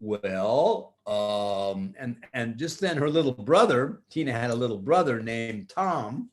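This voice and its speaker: A man's voice: medium pitch, animated, slow pace. An older man telling a rambling, improvised story to children like a grandfather, often restarting and talking to the listening kids.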